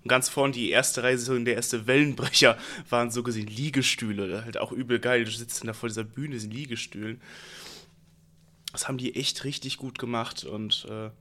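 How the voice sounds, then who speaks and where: A young podcast host with a cold-stuffed nose tells a relaxed, rambling story in slangy, casual chat. His voice is medium-pitched and fairly quick.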